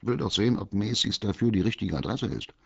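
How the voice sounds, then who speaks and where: A man's voice: on the low side, animated, a little fast, vocal fry, husky, dry recording, highs cut off, voice pushed up, exaggerated voice. A man voicing a fussy, posh male squirrel in a vest who talks sternly and grandly. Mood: haughty. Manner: stern, grand, a bit condescending.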